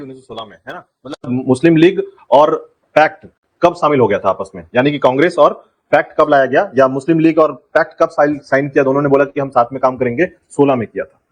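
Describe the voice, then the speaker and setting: A man's voice: medium pitch, fast, rough recording. A man teaching an exam-prep lecture, drilling key points and repeatedly telling students to remember them. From India.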